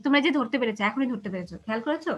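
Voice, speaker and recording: Woman teacher w/ bangladeshi bengali accent, fast talker, keeps checking if students get it. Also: on the high side, expressive, dull audio. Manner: explains patiently, asks checking questions. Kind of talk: online class lecture.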